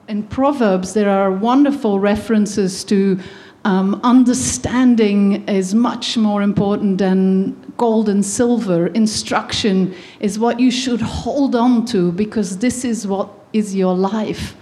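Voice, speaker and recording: A woman from Belgium speaks earnestly about faith and education. Her voice is mellow and warm, at a middle pitch, and she pauses often with ums and small restarts. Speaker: guest speaker. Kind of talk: faith-based talk on education.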